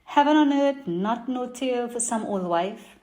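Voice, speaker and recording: A woman's voice: on the high side, animated, measured pace, mellow. A woman reciting a rhyming dialect poem in a strong Trinidadian market accent, with a lilting, emphatic delivery. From Trinidad and Tobago. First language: English.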